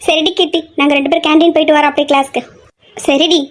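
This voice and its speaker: A woman's voice: high voice, little pitch movement, racing, lightly acted. A woman voicing bossy college girl. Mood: protective. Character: young female college students, protective and bossy. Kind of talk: amateur audio drama acting.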